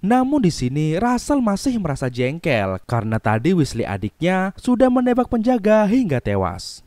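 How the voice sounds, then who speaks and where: Animated higher-pitched male narrator. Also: moderate pace, a little hiss or hum. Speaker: narrator of a film recap. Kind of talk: scripted storytelling narration.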